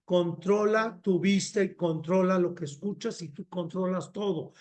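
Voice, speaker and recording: Middle-aged rabbi, high voice, animated repetitive sermon delivery. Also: male voice, unhurried. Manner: animated, repetitive, mixes in Hebrew phrases.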